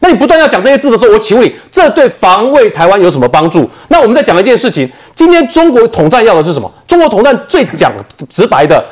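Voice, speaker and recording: A man's voice: high-pitched, sing-song. A man with a Taiwanese Mandarin accent arguing as a political commentator on a talk show, firing off rhetorical questions. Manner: fast, emphatic, rhetorical questions.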